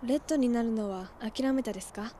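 A woman's voice: on the high side, a little fast, dark tone, slight background noise, lightly acted. Woman as dry, bookish schoolgirl ranger heroine. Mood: calm. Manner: matter-of-fact lecturing, quirky polite sentence endings. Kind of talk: live-action TV hero parody acting. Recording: music behind the voice.

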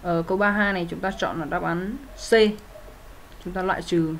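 A woman teaching grammar, walking through each answer step by step and correcting herself as she goes. Her voice sits a little low, with a faint hum underneath. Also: fairly even intonation, normal speed, vocal fry, fairly bright tone. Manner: methodical, with frequent fillers and self-corrections. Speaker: English teacher. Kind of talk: explaining grammar exercises.

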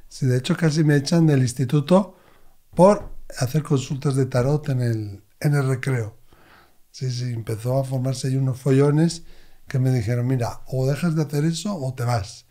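Mellow-voiced man telling lively stories. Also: mid-range voice, normal speed. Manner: expressive, animated anecdotes. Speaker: medium, interview guest. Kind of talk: conversational storytelling.

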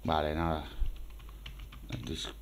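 A man's voice: extremely low pitch, level tone, slow pace, slight background noise. A man casually talking through a desktop demo as he goes, rambling and repeating himself as he thinks aloud. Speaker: screencast maker. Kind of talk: casual screen-recorded demo.

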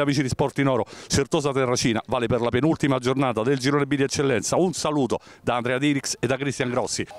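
A man commentating on a football match in an excited, breathless style that rises at goals and key action. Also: medium pitch.

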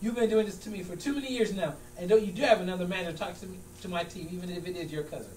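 Man playing a high-voiced, riled-up basketball coach. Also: racing, a little mellow, natural voice. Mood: indignant. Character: stubborn, easily riled basketball coach arguing with friend. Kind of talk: acting class comedy scene. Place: large room with small stage, indoors. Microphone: far camera. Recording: distant, echoey room with hum and noise.

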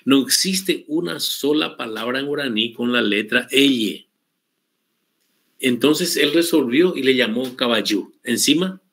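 A man teaching an online Guaraní language class, explaining patiently and repeating words slowly for his students. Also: mid-range voice, a bit bright.

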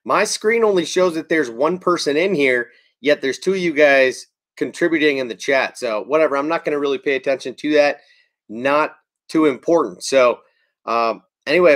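Laid-back man hosting a fishing stream. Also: fairly high pitch. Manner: relaxed, chatty, greets viewers in chat by name. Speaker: fishing livestream host. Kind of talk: casual livestream chat.

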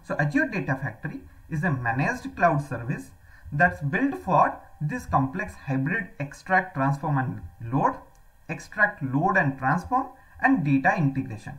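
A woman cloud computing instructor does a voice-over on slides for a tech lecture, her low voice very animated, a little slow, and a bit bright, on a low-quality recording. She explains each term step by step, often restating it with "that means", and corrects herself.

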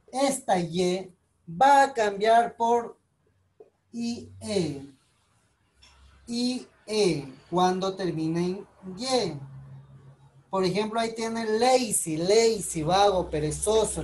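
Patient woman teacher, measured delivery, spells things out for her students. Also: medium pitch, darkish tone. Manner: patient, explains slowly step by step, spells out letters. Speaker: English teacher. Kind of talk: recorded online class explanation.

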